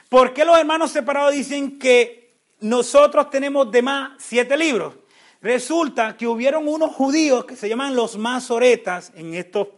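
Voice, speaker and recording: Man, very high voice, Bible class teacher, rhetorical questions, frequent restarts. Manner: asks questions then answers them; restarts words often, animated.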